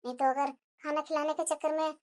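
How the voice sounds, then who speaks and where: A woman's voice: very high-pitched, fast, a bit bright, slight background noise. A woman voicing a patient, soothing young mother and daughter-in-law in a cartoon. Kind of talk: Hindi cartoon voice acting.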